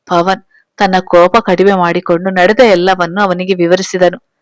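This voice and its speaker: A woman's voice: on the low side, flat delivery, normal speed, no room sound. A woman narrating a storybook tale, reading every character's lines in her own voice.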